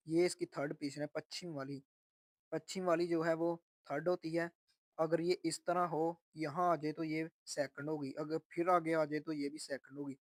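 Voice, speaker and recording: A man teaching a textbook lesson, slowly repeating each phrase and then explaining what it means. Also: on the high side, no echo. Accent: Urdu-Hindi speaker. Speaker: Korean language teacher.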